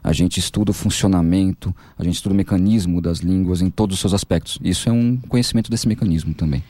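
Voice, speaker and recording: Fast-talking, deep-voiced Brazilian professor. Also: male voice, dark tone, no room sound. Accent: Brazilian Portuguese. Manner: fast, explanatory, with frequent restarts. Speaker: university language professor. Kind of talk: explanatory interview answers.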